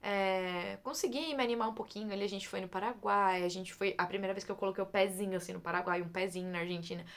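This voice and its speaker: Fast-talking woman with a gravelly edge. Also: mid-range voice. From Brazil. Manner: lively, repeats words for emphasis, addresses listeners as "gente". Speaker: storyteller. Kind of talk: casual personal storytelling.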